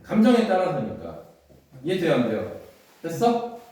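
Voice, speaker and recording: A man lectures a classroom of students on an English exam passage, his fairly high voice swinging lively up and down. He keeps checking that they follow and slips between polite and casual speech. He sounds set back from the mic, with heavy room echo around him. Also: slight background noise. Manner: keeps checking understanding with quick questions. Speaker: English teacher. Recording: very echoey room from a distance.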